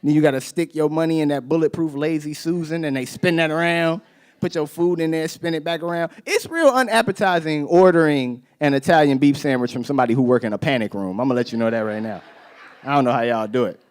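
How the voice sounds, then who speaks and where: A man's voice: on the high side, fast, clear, resonant tone. A man performing a stand-up set on a theater stage, telling stories and acting out voices into a handheld mic. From Chicago, USA. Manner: animated storytelling, acting out voices. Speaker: stand-up comedian.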